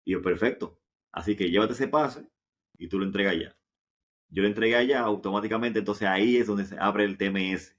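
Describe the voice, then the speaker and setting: A man's voice: fairly low pitch, brisk, a bit bright. A man with a Dominican Caribbean Spanish accent tells anecdotes casually as an interview guest, repeating himself and tossing in rhetorical questions. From Dominican Republic. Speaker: interview guest, professional football goalkeeper.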